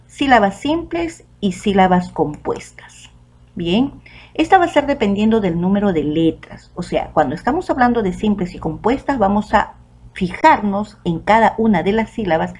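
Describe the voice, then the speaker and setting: A woman teacher with a Peruvian Spanish accent, giving a recorded online lesson to children and saying the example words out slowly and clearly. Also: medium pitch, a little mellow. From Peru.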